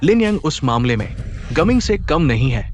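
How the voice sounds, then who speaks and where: A man's voice: on the high side, sing-song, normal speed, soft background music. A man voicing a bitter, manipulative young male lover in a dubbed drama, taunting and resentful. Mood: mocking.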